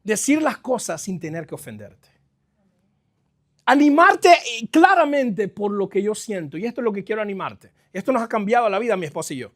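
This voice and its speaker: High-pitched pastor guy preaching, gets loud then goes quiet, drops english bits, in a church. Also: fast talker. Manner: lively preaching, swings between loud exclamations and quiet stretches; mixes English phrases into his speech. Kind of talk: sermon.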